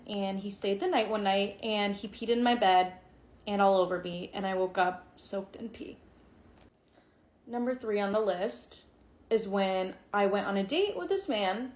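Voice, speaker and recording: A woman's voice: mid-range voice, normal speed, a little mellow, echoey room. A woman in her twenties casually telling a list of bad dating stories. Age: 20s. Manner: candid list-style storytelling. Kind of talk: casual vlog storytelling.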